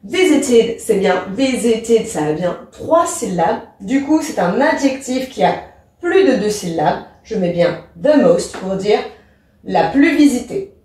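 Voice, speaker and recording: A woman teacher with a French accent, explaining a grammar lesson in a clear, patient, step-by-step way. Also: a little high, big pitch swings, takes it slowly, dark tone. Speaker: English teacher. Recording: very echoey room, voice from a distance.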